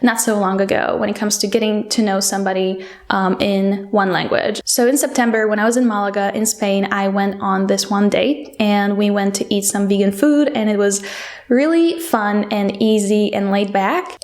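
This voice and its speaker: A woman's voice: medium pitch, steady tone, moderate pace, a little mellow. Young female, Polish accent, candid casual diary monologue, mid-range voice, chatty delivery. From Poland. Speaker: language mentor and podcast host.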